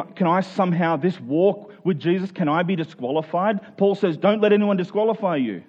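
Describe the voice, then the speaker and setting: Speaking live to a congregation, a man delivers a conversational Bible sermon with earnest conviction, asking rhetorical questions and voicing imagined objectors. His voice is medium in pitch with a darkish tone, and the highs are cut off.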